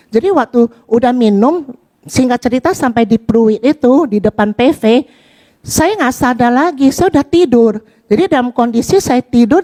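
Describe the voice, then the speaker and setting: A woman's voice: fairly high pitch, darkish tone. A woman from Indonesia giving a personal testimony in a chatty storytelling way, acting out the dialogue. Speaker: church member giving testimony.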